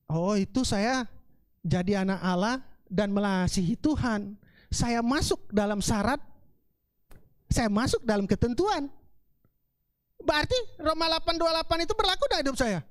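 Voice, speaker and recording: A woman with a Palembang accent preaching a sermon in a colloquial, animated storytelling way. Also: fairly high pitch, normal speed, pauses often, dry recording. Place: church service.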